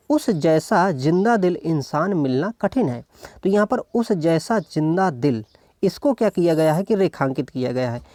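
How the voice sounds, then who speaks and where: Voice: medium pitch, a little mellow, dry recording, studio quality. An exam-prep tutor giving an online lesson, patiently talking through each practice question, posing questions and then answering them. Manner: patient, talks through each answer and asks itself questions, keeps checking in with "ok".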